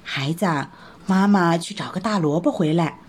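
A woman voicing a gentle, caring mother rabbit who speaks in a soothing, motherly way. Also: on the low side, normal speed, husky, voice pushed down.

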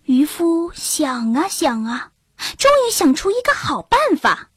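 High-pitched woman telling a children's story. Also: very animated, unhurried, a bit bright, dry recording, studio quality. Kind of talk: scripted storybook narration. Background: faint background music.

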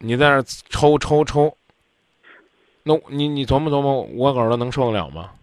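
A man's voice: mid-range voice, normal speed, no echo, clean studio sound. A man hosting a radio call-in advice show, blunt and lecturing as he scolds the caller. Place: radio studio.

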